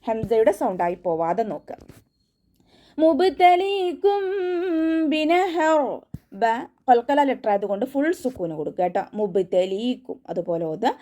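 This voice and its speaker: A woman teaching tajweed in an online class, giving patient step-by-step pronunciation instructions and then reciting each verse slowly, in a higher voice. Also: lively intonation. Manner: patient, step-by-step instruction, often ending with a soft "tto".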